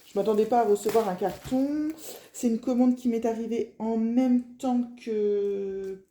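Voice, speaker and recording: A woman's voice: a little high, steady tone, measured pace, mellow, slight background noise. A middle-aged woman with a northern French ch'ti accent chatting casually through a crafting unboxing, rambling with lots of fillers. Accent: Picard (ch'ti, northern French). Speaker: crafting vlogger.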